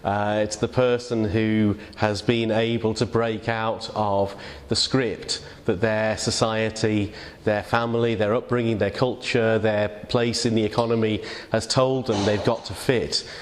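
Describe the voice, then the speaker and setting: An English man delivers a relaxed sermon reflection, his voice sitting fairly low. He talks conversationally, pausing on fillers and restarting sentences as he thinks. The church around him leaves a long, lingering reverb. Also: a little hiss or hum. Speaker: clergy giving a reflection.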